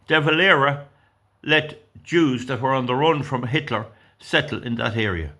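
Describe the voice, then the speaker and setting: An Irish political commentator in his sixties reads news items aloud and rants about them with indignation, rambling and stumbling over his words. His voice sits at a medium pitch and sounds bright and pushed, at a moderate pace.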